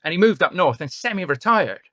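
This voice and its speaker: Chatty West Country Englishman, bright voice. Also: high-pitched, sing-song, brisk, no echo, clean studio sound. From England. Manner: rambling, self-correcting, chatty. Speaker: podcast guest, property investor. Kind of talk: casual storytelling interview.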